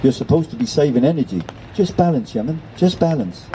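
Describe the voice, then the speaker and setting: A man's voice: fairly high pitch, lively intonation, brisk, slight background noise, natural voice, poor audio. A man voicing a friendly old male seagull who teases and coaches a young pigeon in a children's story. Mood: teasing. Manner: warm, teasing, calls the pigeon young'un.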